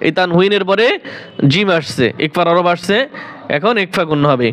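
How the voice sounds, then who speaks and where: A man teaching Quran recitation to learners. He spells words out letter by letter in Bangladeshi Bengali, then chants them in a drawn-out recitation. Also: high-pitched, fairly bright tone.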